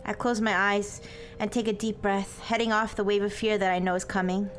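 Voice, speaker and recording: A woman voicing an earnest young woman in a paranormal romance visual novel, reading in a soft, solemn, dramatic way. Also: level tone, brisk, faint music behind, close to an everyday voice. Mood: solemn, tender. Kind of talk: visual novel read aloud. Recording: noisy, low rumble behind.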